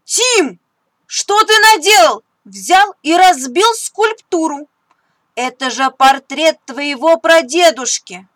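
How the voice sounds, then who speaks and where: A woman's voice: high-pitched, expressive, slow pace, sharp tone, dry recording, voice pushed up, exaggerated voice. Woman doing stern mother mouse. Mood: scolding. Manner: firm, scolding, motherly. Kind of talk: storybook reading.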